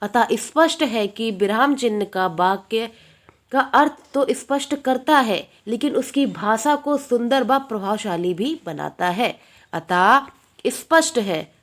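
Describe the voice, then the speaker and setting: A woman teacher giving an exam-prep lesson, repeating points and answering her own questions. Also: on the high side.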